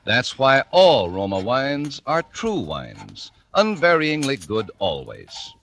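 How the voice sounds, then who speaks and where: In a faintly noisy 1940s radio recording, a sponsor's announcer gives a polished, scripted advertising read with measured salesmanship. His mid-range voice is gravelly and fairly bright, with pitch that swoops wildly.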